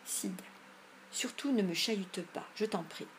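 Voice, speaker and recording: A whiny boy from a storybook groans and complains as if he were gravely ill, as a woman reads him. His voice sits at an everyday pitch, plaintive and drawn out, with a faint hiss behind it. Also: animated, measured pace, natural voice. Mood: whimpering.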